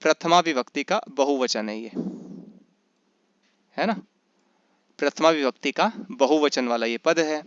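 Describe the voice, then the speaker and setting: Clear-voiced Sanskrit teacher, lo-fi audio. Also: male voice, fairly high pitch, no echo. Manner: asks and answers his own questions, chants rules slowly; often checks in with "is that right?". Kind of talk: online class lecture. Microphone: computer mic in an online class.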